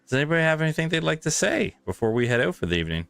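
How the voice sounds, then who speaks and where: Clear-voiced man running a game stream. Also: on the high side, very animated, racing, fairly bright tone, faint music behind. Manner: rambling and grateful, with many restarts. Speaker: game master. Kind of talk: closing a live tabletop game stream.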